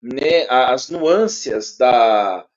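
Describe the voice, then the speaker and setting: A man with a Brazilian Portuguese accent teaching a one-on-one lesson. He talks haltingly, repeats words and checks in often. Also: medium pitch, lively intonation. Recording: dull lo-fi sound.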